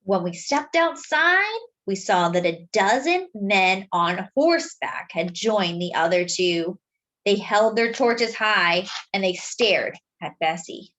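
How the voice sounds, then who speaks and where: This is a medium-pitched female storyteller reading a kids' tale aloud. Her delivery is expressive, theatrical and carefully paced for a young audience.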